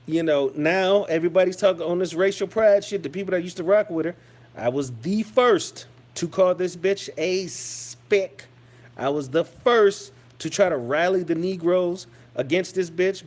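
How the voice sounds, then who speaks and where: A man's voice: high voice, darkish tone. A man delivering a heated, mocking, profane rant as a vlogger, often stumbling and repeating phrases. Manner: heated, mocking, swears constantly; stammering restarts and repeated phrases. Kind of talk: profane ranting commentary.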